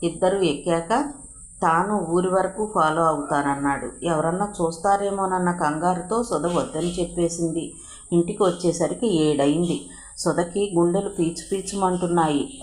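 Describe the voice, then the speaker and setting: A woman narrating a novel in a steady, expressive storytelling reading. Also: fairly low pitch, slight background noise. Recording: roomy echo.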